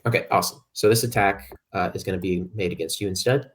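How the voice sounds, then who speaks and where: A man's voice: sits low, quick pace. A man running an online tabletop game as game master, talking with frequent ums and uhs. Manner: hesitant, many ums and uhs.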